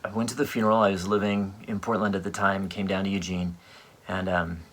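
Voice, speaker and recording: A composer telling a personal story in a rambling, halting way, full of fillers. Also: male voice, deep voice, little pitch movement, fairly bright tone. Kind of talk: casual storytelling monologue. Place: home livestream at a piano.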